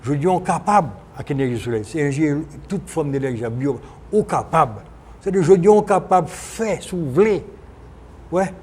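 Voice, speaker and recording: Heard on a noisy archive broadcast, a male former senator with a Haitian accent guests in an unplanned radio interview, alternating French and Creole. His fairly high voice is animated, a little mellow and slightly rough, and he halts, repeats and corrects himself as he explains.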